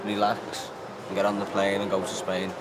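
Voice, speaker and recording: A man's voice: low-pitched, completely flat delivery, moderate pace. A young man chatting casually as a passenger, in a laddish way. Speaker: airline passenger. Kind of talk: casual chat. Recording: noisy airport background.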